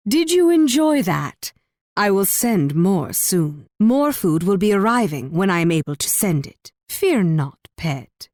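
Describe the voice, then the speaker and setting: A woman's voice: medium pitch, big pitch swings, a little mellow, no room sound. Proud spanish warrior queen for a strategy game, imperious but coaxing, teasing, dry close sound. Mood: reassuring, teasing. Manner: regal, teasing, theatrically measured delivery. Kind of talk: video game voice acting.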